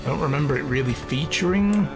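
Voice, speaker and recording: A man's voice: a little high, lively intonation, fast talker. A man giving casual playthrough commentary as a game streamer. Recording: game music behind voice.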